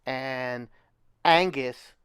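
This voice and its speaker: A man's voice: medium pitch, extremely slow, a bit bright, clear, resonant tone, dry recording. A man co-hosting a podcast, chatting casually and telling rambling stories that trail off and restart. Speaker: podcast co-host. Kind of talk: casual chat.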